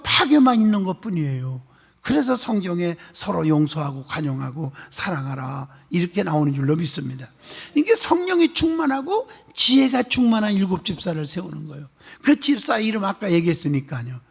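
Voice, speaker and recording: Animated, gravelly male pastor preaching. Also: high-pitched, a little fast. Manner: animated storytelling, calls for amens. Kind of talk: sermon. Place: church sanctuary. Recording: long church hall reverb.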